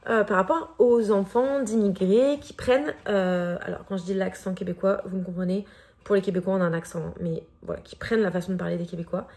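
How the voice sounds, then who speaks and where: A woman from France speaks with a French accent in a relaxed, chatty vlog. Her voice carries a gravelly fry at a middle pitch. She often pauses on fillers as she talks. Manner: chatty, hesitant with frequent fillers. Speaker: vlogger. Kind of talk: casual vlog chat.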